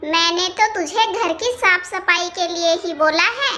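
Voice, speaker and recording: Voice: very high-pitched, measured pace, full character voice. A performer voicing a cranky old mother-in-law in a cartoon comedy, scolding and calling names. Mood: angry. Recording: loud background noise.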